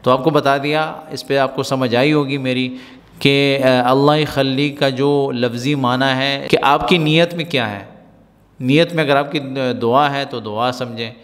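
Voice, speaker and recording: A man's voice: medium pitch, steady tone, fairly bright tone. Male language teacher, patient and repetitive, with a long room reverb. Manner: patient, repetitive explaining with frequent "right?" checks. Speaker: Arabic teacher. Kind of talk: spoken Arabic lesson explained in Urdu.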